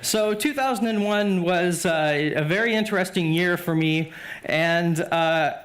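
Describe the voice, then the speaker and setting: A man's voice: high voice, a little slow, fairly bright tone. A middle-aged man giving a conference keynote to a live audience, conversational and often asking the audience questions. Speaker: keynote speaker.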